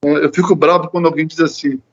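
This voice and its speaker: A man's voice: high-pitched, moderate pace, highs cut off. A man with a Brazilian Portuguese accent giving an earnest Bible study talk in a church, often repeating words as he searches for them. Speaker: lay preacher.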